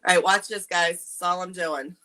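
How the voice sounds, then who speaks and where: A woman's voice: fairly low pitch, fairly even intonation, a little fast, bright, forceful tone, poor audio. A middle-aged woman with a New England accent, casually demonstrating furniture staining and chatting with viewers by name. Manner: chatty, reads viewer comments aloud. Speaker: furniture painting instructor. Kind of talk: casual live craft demo.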